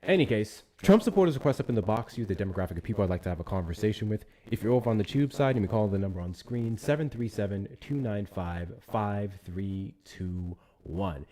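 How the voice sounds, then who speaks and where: In a low, warm voice, a male livestreamer keeps up easygoing commentary with his audience. He repeats himself as he goes and stops to thank people for their gifts.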